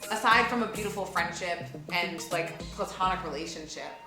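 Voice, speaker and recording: In a relaxed, thoughtful interview, an audio drama voice actor talks with emphasis and expression, fixing her words as she goes, at a normal speed in a voice on the low side. Music plays in the background, and the room gives the sound an echo.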